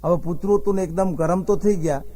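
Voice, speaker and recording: A high-pitched man spinning jokes on stage. He tells folksy comic stories and slips into the characters' lines as he goes. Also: quick pace, warm tone, a little hiss or hum. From Gujarat, India. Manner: folksy joke-telling with acted dialogue. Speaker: stand-up comedian.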